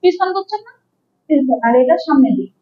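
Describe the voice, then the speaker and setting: A young medical instructor with a Bangladeshi Bengali accent lectures her classroom, patiently explaining, asking questions and repeating the main terms. Her high voice is expressive and a little fast, captured in a muffled recording.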